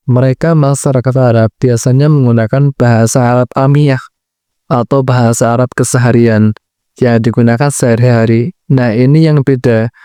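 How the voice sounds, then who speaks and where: Calm, measured man explaining a lesson. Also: medium pitch, clean tone, dry recording. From Central Java, Indonesia. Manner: explanatory, measured, speaks in short clauses. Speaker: Arabic language teacher. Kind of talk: educational lesson.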